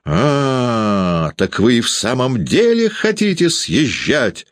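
A man voicing a drunk, rowdy old woman shoemaker who shouts abuse with slurred, raised speech. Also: sits low, animated, takes it slowly, no echo, clean studio sound. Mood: raging drunk.

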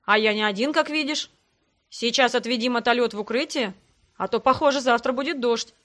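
Audiobook: upbeat young lord, relaxed and friendly, voiced by a woman narrator in a fairly high register. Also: a little fast, natural voice. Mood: breezy. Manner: breezy and reassuring. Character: brisk cheerful young man, easygoing lord. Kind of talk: audiobook character voice.

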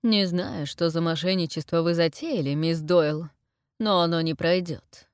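Woman doing a sinister lord, slow drawl, cold commands, dry close sound. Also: lowish voice, clean tone, no room sound, natural voice. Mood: threatening. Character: menacing aristocratic male cult leader. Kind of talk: audiobook character voice.

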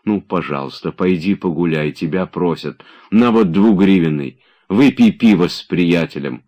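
A man's voice: sits low, moderate pace, a little mellow, muffled recording. A man voicing an impatient nobleman who nervously pushes and orders his servants about. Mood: urging. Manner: urgent, commanding, nervous. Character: agitated impatient male nobleman.

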